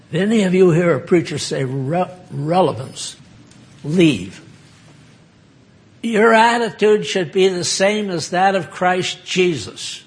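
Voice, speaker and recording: An older American preacher talks his congregation through scripture in an informal, conversational sermon. His voice sits high and has a gravelly fry to it, and he moves at an unhurried pace. He stops and restarts often, filling the gaps with fillers. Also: slight background noise. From United States. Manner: conversational, halting with many fillers.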